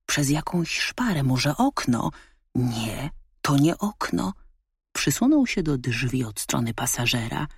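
A woman reading a children's story aloud, narrating in an expressive, lively way. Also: extremely low pitch, slow, breathy edge, dry recording. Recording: dry close studio sound.

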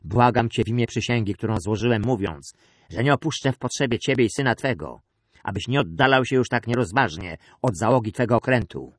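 A man's voice: mid-range voice, animated, a little fast, dry recording, clean studio sound, close to an everyday voice. A man voicing a loyal young warrior, out of breath, pleading in an urgent, earnest way.

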